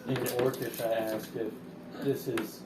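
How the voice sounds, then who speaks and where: A laid-back man takes his turn in a tabletop game. He sits away from the mic in an echoey room, with loud noise behind him. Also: medium pitch, flat delivery, unhurried, distant mic. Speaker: player. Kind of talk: casual tabletop play.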